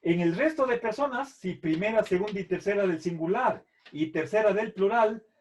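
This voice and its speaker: A middle-aged man teaching a Latin grammar lesson, patiently explaining and repeating verb forms, checking in with "¿sí?" after each point. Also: sits high. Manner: drills verb forms slowly, syllable by syllable. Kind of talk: slow classroom explanation.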